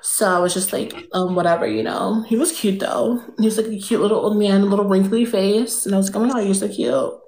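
In a room glowing with pink lights, a young woman speaks in a mid-range, darkish voice, steady and a little fast with hardly any pauses. Lightly acted, she plays a smug, airy, spoiled rich girl with a drawl for a livestream, recorded on a phone front camera with roomy sound.

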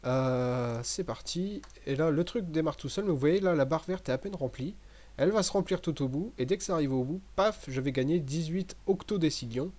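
A man giving relaxed, chatty commentary over a game he is playing, with many fillers and restarts. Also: on the high side, fairly quick. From French-speaking. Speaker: gaming commentator. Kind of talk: casual gameplay commentary.

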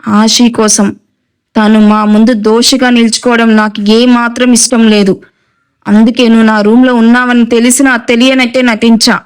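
A woman's voice: on the high side, flat delivery, normal speed, smooth, close to an everyday voice. A woman voicing a stern, hot-tempered young man who gives clipped, cold orders to his younger brother. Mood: menacing.

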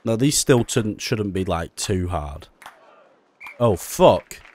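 A man's voice: on the low side, slow, some chatter behind, a little hiss or hum. Swearing young man commentating a game. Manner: excitable, swears a lot, frequent frustrated outbursts. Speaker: gaming YouTuber. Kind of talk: casual gameplay commentary.

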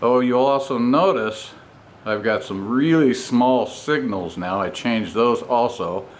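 A motorcycle vlogger and home mechanic with a mid-range voice walks around his custom bike work, talking casually and without hurry in broken phrases full of pauses. He sounds like a hobby mechanic filming on a handheld camera, and its built-in mic picks up plenty of noise in his home garage, where the door stands open.

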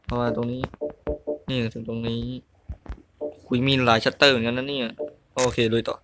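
Bright-voiced man muttering over a game. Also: medium pitch, flat delivery, brisk, soft background music. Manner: mutters and grunts while playing, exclaims at mistakes. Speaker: gaming YouTuber. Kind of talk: casual let's-play commentary.

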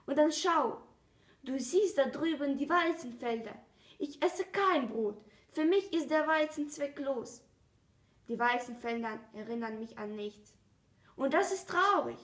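Reading a storybook, a woman with a fairly high voice plays a gentle, curious male fox, sounding earnest and coaxing. The recording carries a roomy echo.

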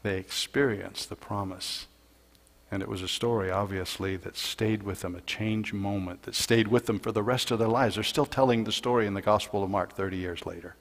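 A man preaching a sermon as a pastor, telling a Bible story and building louder and higher in the dramatic parts. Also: fairly even intonation, moderate pace. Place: church sanctuary. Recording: long hall reverb in church.

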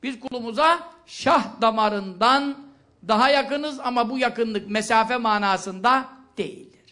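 A man giving a religious lecture, asking questions and answering them himself, with quick recited Arabic verses. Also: very high voice, sharp tone. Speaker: preacher.

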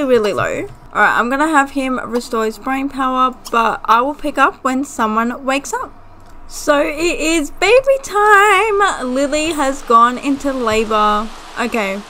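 A woman hosting a gameplay video, chatting casually and excitably with frequent giggles. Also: fairly high pitch, a little hiss or hum. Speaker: gaming video host. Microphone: desktop USB mic.

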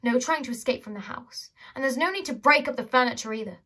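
A woman voicing a brash young female bodyguard who talks loud and mocking. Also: on the high side, quick pace, husky.

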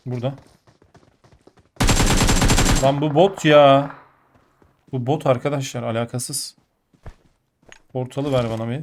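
A sick man with a blocked nose and a muffled, nasal voice, giving excitable gameplay commentary that jumps between muttering and outbursts. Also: mid-range voice, normal speed, a little hiss or hum. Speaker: mobile game player.

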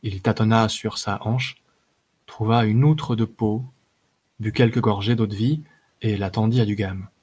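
A man reads a fantasy tale aloud in a low, husky voice. His pace is measured, with a few small hesitations between phrases. An audiobook narration. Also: steady tone, a little mellow. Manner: measured reading with occasional filler hesitations. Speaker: audiobook reader. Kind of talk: narrating a fantasy short story.

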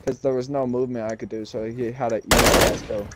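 A man playing an online shooter with friends, swearing and excitable as he calls out plays. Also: mid-range voice, fast talker, very noisy. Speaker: gamer on a stream. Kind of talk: casual gaming banter. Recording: loud game music and gunfire behind. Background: game music and gunfire.

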